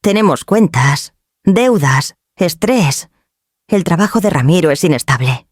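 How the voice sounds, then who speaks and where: A woman's voice: fairly low pitch, animated, measured pace, slightly rough, dry recording, clean studio sound. A woman voicing a cold, curt grown daughter. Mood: cold, dismissive. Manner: curt, impatient. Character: cold dismissive adult daughter.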